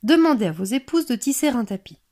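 A woman's voice: a little high, very animated, fairly quick, warm tone. Old fairy-tale king, grave and commanding, voiced by a woman narrator. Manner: solemn and firm.

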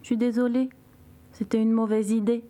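A woman's voice: a little high, flat delivery, normal speed, dark tone, voice pushed up, lightly acted. Woman doing a buzzing, pushy little fly. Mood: sorry. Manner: buzzing, insistent.

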